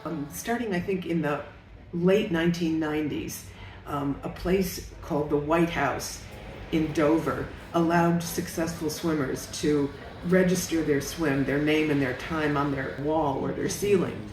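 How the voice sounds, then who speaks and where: A woman's voice: sits low, a little slow, music in the background. A woman in her seventies speaking in a hesitant, good-humored way in a documentary interview. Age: 70s. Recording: distant and roomy with background noise.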